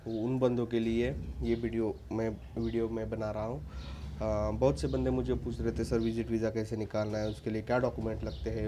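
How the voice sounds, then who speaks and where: Man vlogger, warm mellow voice, chatty and insistent, faint hiss behind. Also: fairly low pitch. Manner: informal, repeats "ठीक है" as a tag, frequent restarts; earnest and insistent, addresses viewers as friends. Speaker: vlogger giving visa advice. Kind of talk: casual advice talk to camera.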